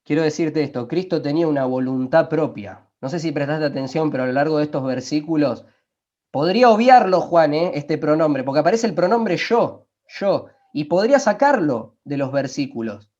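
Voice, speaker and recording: A man preaching a sermon, emphatic, slowing down to quote scripture and asking his listeners rhetorical questions. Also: on the high side, animated, a little mellow. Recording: dull lo-fi recording.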